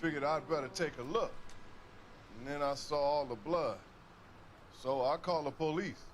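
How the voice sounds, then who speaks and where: Man playing a folksy American railway worker, higher-pitched. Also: normal speed, slight background noise, lightly acted. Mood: plain, cooperative. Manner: folksy, plain-spoken, indignant when pressed. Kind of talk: dramatic video game acting, period crime drama.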